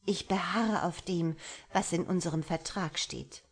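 A woman's voice: on the low side, unhurried, slightly rough. A woman voicing a stubborn, proud young woman. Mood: trotzig. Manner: firm and defiant.

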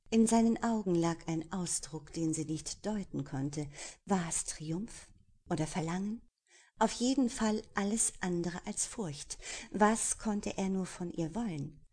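A woman with a somewhat low voice reads a romance audiobook. Her storytelling is lively, with hushed passages she draws out slowly. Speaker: audiobook narrator. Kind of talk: expressive audiobook narration.

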